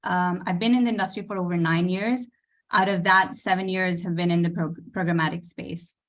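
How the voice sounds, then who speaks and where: A woman's voice: on the low side, steady tone, fairly quick. A woman from Pakistan giving a brief, matter-of-fact self-introduction as a panelist.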